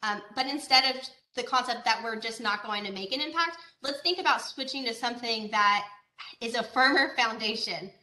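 A woman from Georgia, USA, gives an online presentation over a video call as an agricultural educator. Her voice is a little high, bright and forceful at a normal pace, with fillers and rhetorical questions, and the room sounds echoey.

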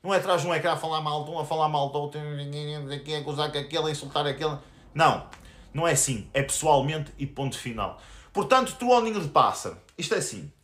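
Speaking fast in a slightly high, fairly bright voice, this YouTuber in his twenties goes on an angry, crude, confrontational rant during a live stream. He has a European Portuguese accent, and the room adds noticeable echo.

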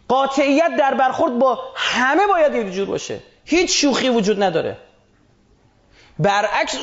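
Male lecturer with a high voice delivering an emphatic, conversational religious talk; muffled lo-fi sound. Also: echoey room. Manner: emphatic, colloquial, with rhetorical questions.

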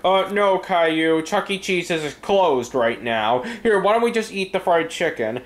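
An amateur narrator of a fan-made animated video who stumbles over words and fills in parent parts. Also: mid-range voice, measured pace.

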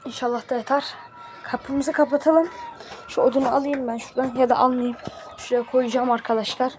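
A woman with a high, bright voice chats to her viewers while filming on a phone in a chicken coop. She talks to them like friends and bluntly shoos the birds that crowd her. Loud clucking and farmyard noise sit right under her voice. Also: little pitch movement, brisk. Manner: chatty, addresses viewers as friends, scolds animals bluntly. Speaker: vlogger. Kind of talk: casual vlog chat.

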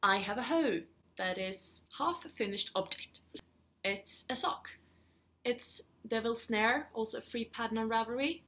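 Faint music plays behind a woman with a little high, somewhat bright voice who speaks a little slowly. A Swedish podcast host in her thirties with a Swedish accent, she chats casually and a bit hesitantly about knitting from her living room at home.

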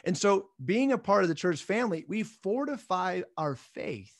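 A man in his thirties with a fairly high voice gives an earnest, encouraging Bible lesson on webcam. The sound is dry and close, with no room around him. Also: lively intonation, normal speed, no echo. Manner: earnest, encouraging, jokes at his own slips. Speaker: church minister. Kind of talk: recorded midweek Bible lesson.

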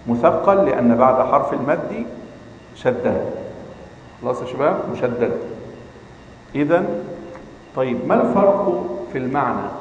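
A man teaching Quran recitation in a classroom lecture. He chants words slowly to demonstrate them and keeps checking in with his students through rhetorical questions. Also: medium pitch, a little mellow, slight background noise. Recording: roomy hall reverb, dull lo-fi sound.

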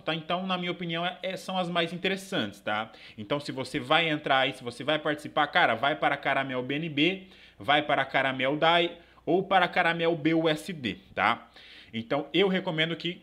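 A man's voice: on the high side, pushed and bright. A young Brazilian man with a Brazilian Portuguese accent hosting a casual live screen-share tutorial, talking loosely with many fillers and tag questions, recorded at his desk in a small room. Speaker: crypto channel host.

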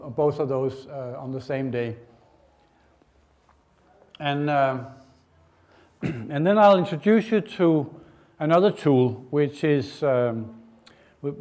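A middle-aged man from Denmark, giving a university lecture in an informal, halting way with many fillers and restarts. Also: a little high, darkish tone. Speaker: guest lecturer. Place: lecture hall, indoors.

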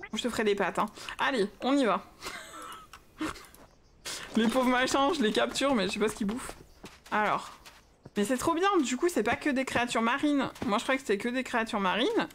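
Young female streamer, bubbly and chatty, slightly high voice, faint hiss behind. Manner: excited, chatty, talks to her pets and chat. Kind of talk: casual Minecraft livestream commentary.

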